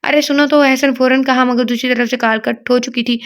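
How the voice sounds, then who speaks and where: Female audio-novel narrator, higher pitch, jokey asides. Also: little pitch movement, brisk. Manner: laughing side remarks.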